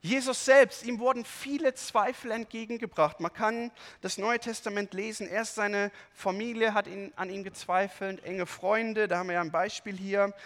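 A man preaching a sermon, reading scripture aloud and explaining it with lively, expressive emphasis. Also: high-pitched, normal speed, hardly any pauses, big-room sound.

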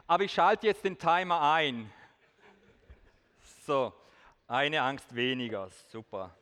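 A man's voice: a little high, expressive, takes it slowly, a bit bright, smooth. A man giving a testimony talk to a hall audience, earnest with light self-mocking jokes, speaking standard German. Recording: long hall reverb.

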